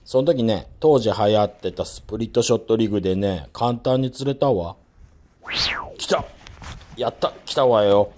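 A man talking casually while fishing outdoors from a lakeside pier, speaking in a soft, feminine manner, picked up by a worn action camera. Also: lowish voice, normal speed. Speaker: fishing vlogger.

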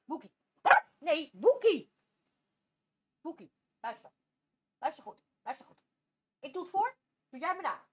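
High-voiced woman, lively sing-song pitch, playful dog-owner baby talk. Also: moderate pace, long pauses. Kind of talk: casual vlog talking to a pet. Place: home with a dog.

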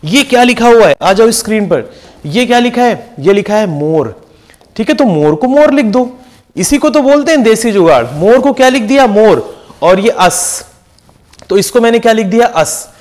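Teaching vocabulary for an exam, a young man speaks in a fairly high voice with lots of energy. He's lively, repeats each term, and peppers his students with rapid questions to make them concentrate and remember.

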